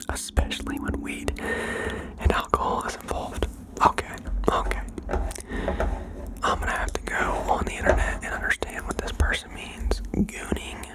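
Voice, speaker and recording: An ASMR host whispering as if sharing a secret, reading out listeners' confessions and adding playful asides in a gentle way.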